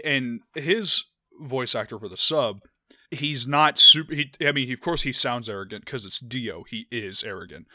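With a mid-range voice and a sharp tone, a young adult co-host rambles through casual anime chat on a podcast, full of restarts and "like." The studio-quality recording has no echo.

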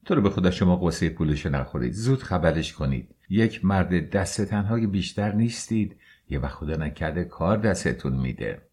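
A man's voice: low-pitched, animated, darkish tone, husky. A man reading the lines of an anxious older woman relative who pleads and fusses, in an audiobook. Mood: pleading. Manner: pleading, fussy.

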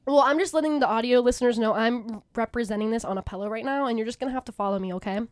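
Young female podcast co-host, lively storyteller, raised voice, dry studio sound. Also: fairly high pitch, racing, dry recording. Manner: animated, fillers like "basically" and "like". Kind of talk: casual storytelling chat.

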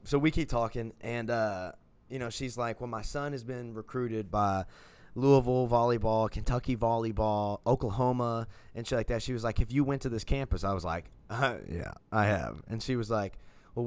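A man co-hosting a casual podcast chat, swearing freely and telling lively stories. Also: mid-range voice, normal speed, clean tone. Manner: profane, animated storyteller. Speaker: podcast co-host.

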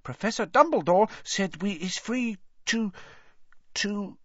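A woman voicing an excitable, timid male house elf in a storybook, with a squeaky voice and deferential, broken third-person grammar. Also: takes it slowly, no echo, highs cut off. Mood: confidential, serious.

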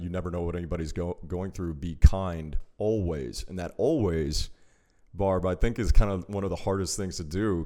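Deep-voiced man hosting a chatty podcast. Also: darkish tone. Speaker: podcast host. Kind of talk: casual chat.

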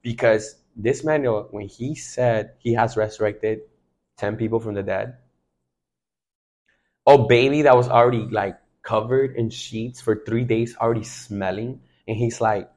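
Twenty-something guy from mexico, lowish voice, hyped up and emphatic, lots of slang fillers. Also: steady tone, unhurried, a little mellow. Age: 20s. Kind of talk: casual faith talk.

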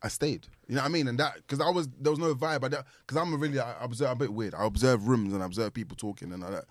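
A man's voice: mid-range voice, very fast, no echo. A man with an urban London roadman accent, chatting casually in street slang as a podcast host.

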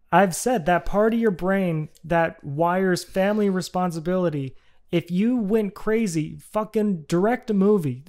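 A man's voice: high-pitched, darkish tone. A man co-hosting a podcast in casual chat, explaining in a blunt, rambling, profane way. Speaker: podcast co-host.

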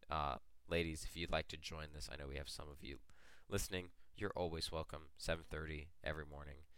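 Gravelly-voiced man with a morning voice. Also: a bass voice, bright, forceful tone, no echo. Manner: friendly, inviting listeners. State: groggy morning voice. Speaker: podcast host. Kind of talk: casual podcast chat.

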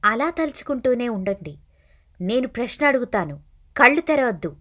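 An eager young girl, played by a woman reader in a storybook reading. She gives bossy, excited instructions as she leads a spirit game. Her voice sits a little higher than the reader's own. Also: moderate pace.

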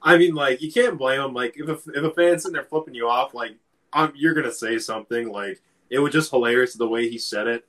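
A man's voice: mid-range voice, brisk, a bit bright. A man co-hosting a casual sports podcast, rambling through his thoughts with many fillers. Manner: rambling, lots of fillers and restarts. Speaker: podcast co-host.

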